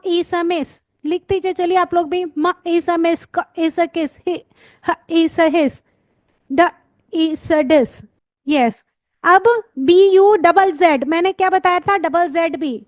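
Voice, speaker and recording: A woman with a very high voice teaches phonics slowly, patiently sounding out letters and words and checking in with her students. The recording is dry.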